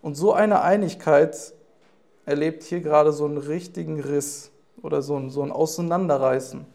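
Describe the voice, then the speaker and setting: A man giving a sermon in a slightly higher voice. He speaks earnestly and sometimes stops to search for the right words. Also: moderate pace, vocal fry, a little mellow. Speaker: preacher.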